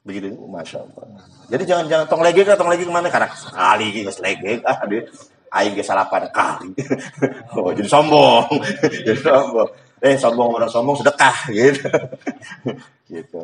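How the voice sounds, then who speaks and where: A man's voice: mid-range voice, animated, normal speed, rough recording. A man giving a humorous sermon, joking and laughing often. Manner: jokes and laughs often, mixes in Sundanese. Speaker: preacher.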